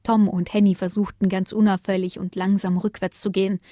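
A woman narrating a children's story with lively, expressive storytelling. Her voice sits at a middle pitch, recorded close and dry. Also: a little fast, no echo.

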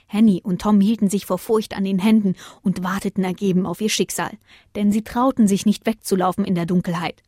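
A woman narrating a children's story with lively, expressive storytelling. Her voice sits at a middle pitch, recorded close and dry. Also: a little fast, dry recording.

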